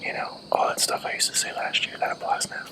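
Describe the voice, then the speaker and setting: A man quietly whispering a morning update to the camera from a tree stand outdoors. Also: fast. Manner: hushed and quiet.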